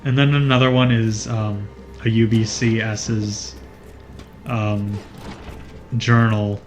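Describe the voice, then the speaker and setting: A man's voice: on the low side, level tone, takes it slowly, faint music behind. A man commentating on a video game, explaining its mechanics with dry, wry remarks. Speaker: let's play commentator. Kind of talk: casual gaming commentary.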